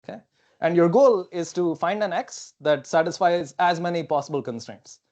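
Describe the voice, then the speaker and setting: Speaking into a clip-on lapel mic at a lecture hall whiteboard, this young non-native English speaker delivers a technical seminar in a relaxed, think-aloud style full of okays and fillers. His pitch is fairly high and his tone slightly mellow. He keeps a moderate pace.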